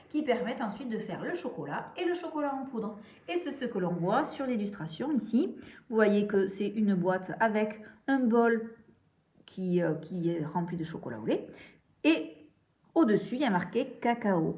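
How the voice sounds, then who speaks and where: A woman's voice: fairly high pitch, a little mellow, muffled recording. A young woman teaching a reading and handwriting lesson, patiently walking through sounds step by step. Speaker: primary school teacher.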